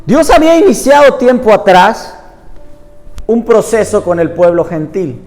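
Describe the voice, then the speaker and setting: A man's voice: sits high, expressive, a little slow. A man preaching a sermon in Spanish, earnest, reading scripture aloud at length. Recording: reverberant room with soft music behind.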